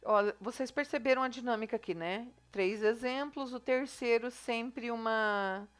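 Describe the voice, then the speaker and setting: Her voice sits on the high side, clear and resonant, at a normal pace. A woman teacher leads a recorded review lesson, chatting through each step and regularly checking in with her class using "tá?" and "né?".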